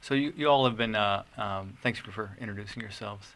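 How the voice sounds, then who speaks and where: Brief: male radio host, gravelly and bright, measured, chats with guests. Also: on the low side. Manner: measured, with frequent fillers and restarts. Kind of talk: hosting a panel interview.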